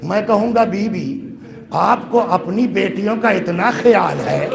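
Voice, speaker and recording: Man from India, cleric at a majlis, very high voice, rhetorical questions, swelling cries, live crowd noise. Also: creaky. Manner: asks the audience rhetorical questions; voice swells into loud grieving cries. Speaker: Shia cleric addressing a majlis. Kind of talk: majlis sermon rising to a lament. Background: audience of mourners.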